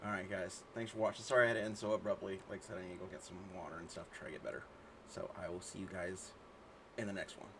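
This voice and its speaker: A man with a very low, deep voice signing off a stream. He talks in a laid-back, halting way, pausing on fillers. Faint ambient noise sits behind him. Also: fairly even intonation. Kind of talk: casual stream sign-off.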